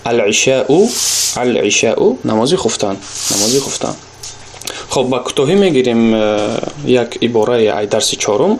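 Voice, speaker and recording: A man's voice: mid-range voice, a little mellow, a little hiss or hum. Tajik man drilling Arabic vocabulary. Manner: patient, repeats each word slowly for drilling. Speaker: Arabic teacher. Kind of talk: recorded language lesson.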